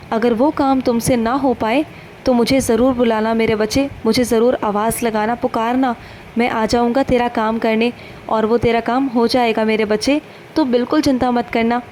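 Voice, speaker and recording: A woman voicing a gentle, fatherly male saint who counsels his devotees in a tender, instructive devotional message, calling them "my child" again and again. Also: a little high, a little hiss or hum, close to an everyday voice. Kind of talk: devotional first-person message.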